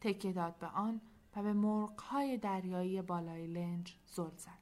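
A woman narrating a storybook, soft and at times nearly whispering. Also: on the low side, steady tone. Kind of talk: storybook reading.

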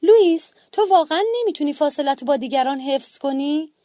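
A woman's voice: sits high, dark tone, no echo, clean studio sound, pitched above the performer's own voice, lightly acted. A woman reading a storybook, voicing an exasperated female schoolteacher who scolds sharply. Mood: angry.

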